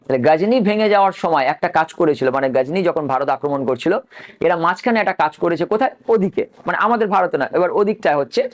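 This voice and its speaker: Fast and animated, this slightly high male voice belongs to a history teacher running an exam-prep lecture. He dictates names one letter at a time and fields his own questions.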